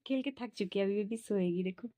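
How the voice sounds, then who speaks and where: Young woman, home vlogger mum, warm low-key delivery, dry close phone sound. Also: brisk, no echo. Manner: soothing sing-song coaxing to her baby. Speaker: mother vlogging her day. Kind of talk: casual home vlog talk.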